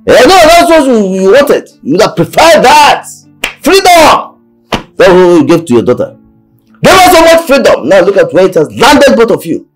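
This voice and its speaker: Furious nigerian dad, high lively voice, ranting and mocking, soft music under. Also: male voice, moderate pace, rough recording. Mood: scolding. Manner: ranting, mocking, stammering repeats. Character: angry middle-aged father scolding his wife. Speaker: father.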